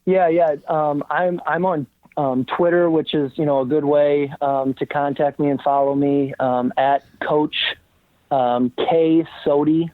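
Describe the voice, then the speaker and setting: A college basketball coach, a man, speaks earnestly as a guest in a casual interview, full of ums and restarts. His fairly high voice is level in tone and a little slow. The recording is dry, with no echo, over a tinny phone-like line.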